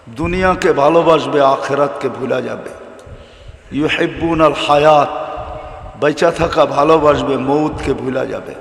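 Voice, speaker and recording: Male preacher, fervent sermon delivery, long hall reverb. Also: a little high. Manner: impassioned, rhetorical questions, Arabic recitation. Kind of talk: Islamic sermon. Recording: echoey hall, reverberant PA sound.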